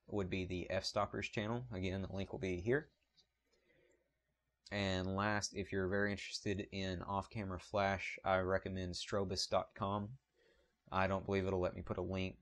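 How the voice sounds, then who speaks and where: Recorded through the small mic of a point-and-shoot camera, a man with a low voice and a strong Southern US drawl speaks casually to viewers of his photography channel. He rambles somewhat, apologizing often and saying um a lot.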